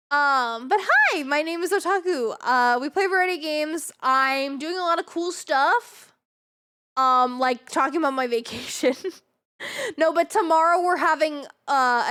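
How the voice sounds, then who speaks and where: A woman's voice: sits high, bright, forceful tone. A woman chatting casually on a livestream as a variety game streamer, with a bubbly, cute anime-streamer delivery.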